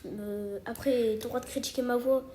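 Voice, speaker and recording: In this informal online video, a young creator—a child or early teen—chats hesitantly and casually with subscribers while commenting. Their medium-pitched voice is mellow and unhurried, with fairly even intonation.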